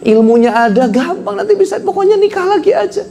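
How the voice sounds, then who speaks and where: A male preacher voicing a fussy wife in a high mocking falsetto. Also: sing-song, fast, gravelly, warm tone, slight background noise, heavily acted. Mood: teasing. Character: shrill fussy wife urging her husband.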